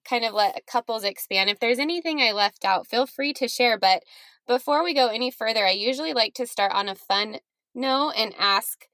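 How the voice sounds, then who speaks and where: A woman's voice: on the high side, normal speed, bright, forceful tone, dry recording. A woman hosting a podcast, chatting casually with guests and laughing easily. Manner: friendly, laughing, chatty with restarts. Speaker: podcast host. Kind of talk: casual interview chat.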